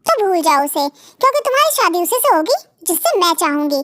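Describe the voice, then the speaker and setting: A woman's voice: extremely high pitch, big pitch swings, quick pace, a bit bright, no room sound, clean studio sound, full character voice. A woman voicing a strict mother who bossily scolds her son about marriage, in an amateur fan drama. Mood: bossy. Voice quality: bossy, scolding. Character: strict scheming mother pushing son to marry.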